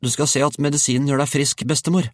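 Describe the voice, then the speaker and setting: A man voicing a polite, cheeky young boy who calls out brightly and earnestly, in a raised voice. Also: medium pitch, fairly even intonation, no echo, voice pushed up, natural voice. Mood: cheerful.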